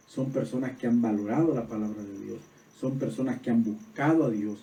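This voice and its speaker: A man preaching a sermon as pastor, swinging from soft reflective passages to loud emphatic peaks. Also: mid-range voice. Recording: roomy echo, voice from far off.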